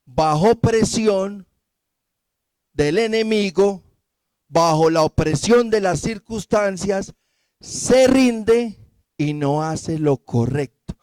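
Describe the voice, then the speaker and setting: A Colombian man preaching to his congregation, lively and animated, slipping into character voices for the people in the Bible stories. His voice sits a little high. The sound is dry and close. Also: slow pace, no room sound. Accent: Colombian Spanish. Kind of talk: sermon.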